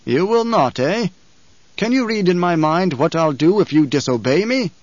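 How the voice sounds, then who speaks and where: An angry, imperious emperor, as a male narrator plays him, barking commands with loud scorn. The voice sits a little high. A dry, slightly dull studio recording. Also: expressive, normal speed, dry recording. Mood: commanding, angry. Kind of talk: audiobook character voice.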